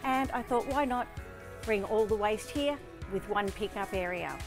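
A middle-aged Australian woman who owns a shop is interviewed for a promotional piece, explaining a service in an upbeat, enthusiastic way. Her mid-range voice moves at normal speed, recorded on a lapel mic with background music, first in the stockroom and later outdoors by bins.

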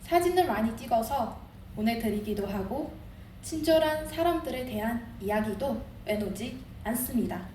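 A woman's voice: on the high side, animated, moderate pace, warm tone. A young woman from Inner Mongolia, China, with a Chinese accent, delivers a rehearsed contest speech as an international student in an earnest, declamatory way. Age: young adult. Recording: roomy, distant mic, audible background noise.

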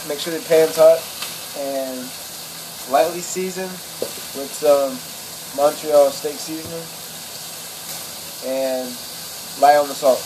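A young man talks through his cooking on a handheld camera in his kitchen, easygoing and plain-spoken, with a fair number of ums and uhs. His voice sits a little high for a man. The audio is noisy, with a steady appliance hum behind him. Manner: relaxed, matter-of-fact, uses fillers. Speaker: vlogger. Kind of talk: casual cooking vlog. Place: home kitchen indoors, then a car. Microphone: handheld camera close, at times set down.

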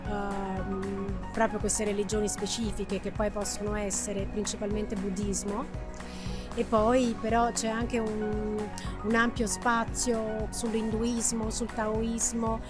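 A woman's voice: medium pitch, level tone, slow pace. Middle-aged female publisher, hesitant and listing, music underneath. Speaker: publisher at a book fair stand. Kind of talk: interview answers. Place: indoor exhibition hall.

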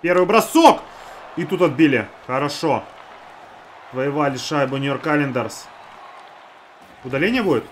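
A man's voice: medium pitch, normal speed, pauses often, a faint crowd, slight background noise. A man giving casual play-by-play of a hockey video game, talking to the players and to himself. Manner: talks to teammates and himself. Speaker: gamer narrating own hockey video game.

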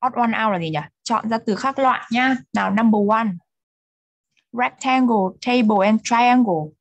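A woman's voice: on the high side, unhurried, no room sound. A young woman with a Vietnamese accent, a native Vietnamese speaker, teaching English in an online lesson. She drills words patiently and switches between English and Vietnamese. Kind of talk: online repeat-after-me language drill.

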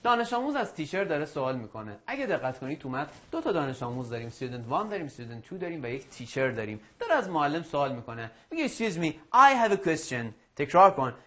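A male English teacher giving a video lesson to schoolchildren, drilling phrases slowly and encouraging the class. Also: on the high side, very animated, fairly bright tone. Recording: dull lo-fi audio.

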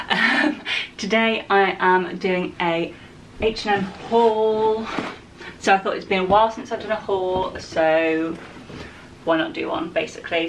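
A young woman chatting casually through a clothing try-on haul at home, rambling with lots of "like" and "um". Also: medium pitch. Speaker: fashion vlogger. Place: home, indoors. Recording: distant camera mic with steady background noise.

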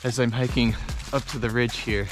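A man's voice: mid-range voice, little pitch movement, moderate pace, loud music behind the voice. A man narrating his hike outdoors on a rainy forest trail, casually explaining his route step by step. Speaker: hiking vlogger. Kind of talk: casual narration to camera while hiking.

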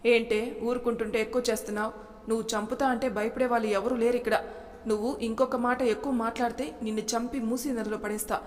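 A woman voicing a bold, sharp-tongued young wife who scolds and mocks, in a storybook reading. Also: fairly high pitch, fairly even intonation, fast, long reverb tail, close to an everyday voice. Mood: defiant.

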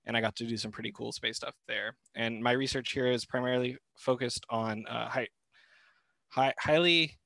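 A man's voice: mid-range voice, moderate pace, gravelly, no room sound. Young man, graduate student, easygoing video-call intro, dry close sound. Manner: relaxed, with fillers and restarts. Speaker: graduate liaison. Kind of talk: casual club meeting introduction.

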